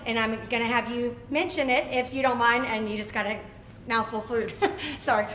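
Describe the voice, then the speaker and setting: A woman's voice: sits high, a bit bright. A woman hosting a club meeting, giving casual announcements in a chatty, upbeat way with fillers. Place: running store meeting room. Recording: echoey room, faint noise.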